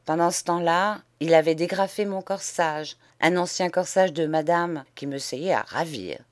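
A woman narrating a novel in the first person, reading in a measured, unhurried way. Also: fairly low pitch, darkish tone. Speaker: audiobook narrator.

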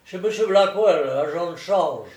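Man voicing John Robbins, imperious gentleman burglar. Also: high voice, a little slow, pitched above the performer's own voice. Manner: commanding, exclamatory. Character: wealthy gentleman detective-burglar, brisk, imperious. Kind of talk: storybook reading. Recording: roomy echo, distant mic.

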